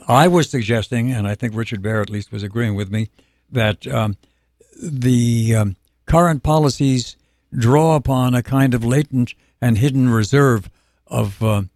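A man from New York with a New York accent, hosting a talk radio show in a wry manner and often clearing his throat. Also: medium pitch, darkish tone, no echo, clean studio sound.

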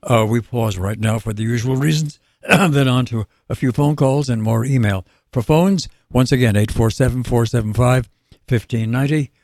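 Male radio host, New York accent, wry, clears throat, dry mic. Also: mid-range voice, moderate pace, darkish tone, no room sound. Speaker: radio talk show host. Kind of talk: talk radio hosting.

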